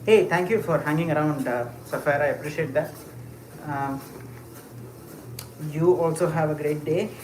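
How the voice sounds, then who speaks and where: This streamer's darkish, medium-pitched voice moves at a moderate pace with frequent pauses. Walking as they talk, they answer chat casually, thinking out loud with plenty of fillers and short laughs; the recording is echoey with noticeable ambient sound.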